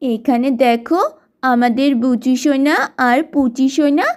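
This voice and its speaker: A woman's voice: sits high, steady tone, a little slow. A woman narrating a children's doll story, talking to the young viewers in a sing-song way.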